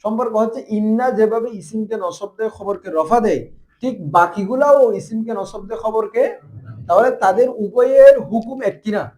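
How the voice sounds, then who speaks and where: Speaking at a moderate pace, a man with a high and somewhat mellow voice runs a classroom Arabic grammar lesson at a madrasa. He keeps his students engaged by questioning them with constant rhetorical questions.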